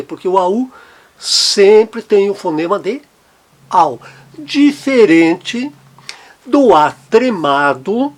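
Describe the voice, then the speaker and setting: A man teaching a language lesson, explaining sounds and slowly repeating each example word. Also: high-pitched. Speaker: German teacher.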